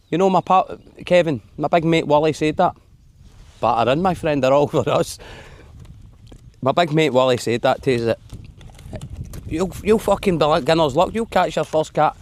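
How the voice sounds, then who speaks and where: A man's voice: on the high side, dry recording. Scottish guy chatting away on a fishing vlog outside in the woods, laughs a lot. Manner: chatty, laughing, addresses viewers as guys. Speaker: vlogger. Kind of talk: casual outdoor fishing vlog. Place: lochside forest outdoors.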